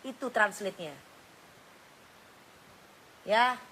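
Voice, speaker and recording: A woman's voice: medium pitch, slow, pushed and bright, slight background noise, low-quality recording. A middle-aged woman, a singer on a phone livestream, talking casually and bluntly, scolding and lapsing into coarse slang. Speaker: singer doing an Instagram live.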